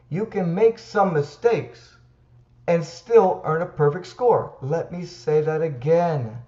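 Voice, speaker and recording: A man teaching test takers, speaking slowly and emphatically in a reassuring way and counting breaths aloud. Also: fairly high pitch, mellow. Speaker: TOEFL tutor. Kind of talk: direct-to-camera teaching. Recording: echoey room, slightly dull sound.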